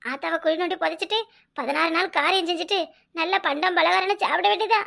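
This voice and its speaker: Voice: very high voice, fast talker, gravelly, bright, forceful tone, exaggerated voice. A performer voicing a scheming, bossy older village mother in a cartoon, with a Kanyakumari Tamil accent and a coaxing, theatrical manner. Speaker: cartoon character. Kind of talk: comic cartoon voice acting.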